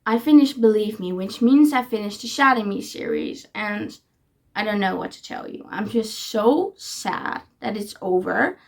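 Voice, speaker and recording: A woman's voice: mid-range voice, lively intonation, a little slow. A woman chatting casually to her viewers in a reading vlog, gushing and repeating herself to reassure them. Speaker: book vlogger.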